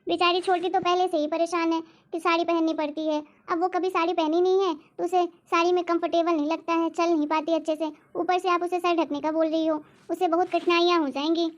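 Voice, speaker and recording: Woman voicing a caring young cartoon sister-in-law, soft, pleading, very high voice. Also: little pitch movement, fairly quick, few pauses. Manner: soft-spoken, pleading, sympathetic. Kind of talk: cartoon story voice acting.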